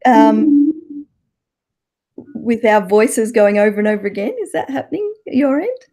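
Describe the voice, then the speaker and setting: A woman's voice: fairly high pitch, lively intonation, a little slow, mellow, soft background music. A woman hosting a live stream, chatting casually on an online call. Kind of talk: casual chat. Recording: echoey, dull online call with feedback.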